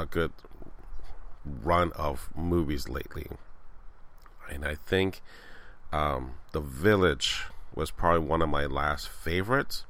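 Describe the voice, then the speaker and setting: A man's voice: very deep voice, a bit bright. A man hosting a casual solo podcast from his backyard, chatty and rambling, his voice a little scratchy this morning. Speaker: podcast host. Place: outdoors in a backyard.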